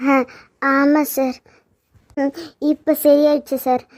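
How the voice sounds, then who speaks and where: Woman doing a young cartoon housemaid, very high voice, earnest, pleading. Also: flat delivery, takes it slowly, darkish tone. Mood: denying. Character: young housemaid woman, shy, hiding her hurt. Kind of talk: cartoon dubbing.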